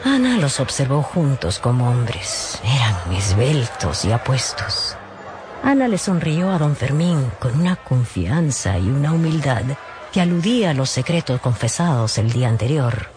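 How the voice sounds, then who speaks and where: The story is told dramatically by a radio novel narrator whose intonation swings animatedly across a wide range. The voice is medium in pitch and a little slow, and music plays clearly underneath.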